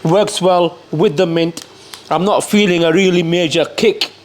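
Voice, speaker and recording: Higher-voiced man reviewing food. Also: fairly even intonation, unhurried. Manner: repeats catchphrases and addresses the cameraman. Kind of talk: casual food review to camera. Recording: clear background noise.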